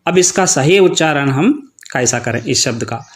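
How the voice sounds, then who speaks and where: A man's voice: a little high, expressive, normal speed. A man teaching children Hindi pronunciation, patiently reading out word lists one by one.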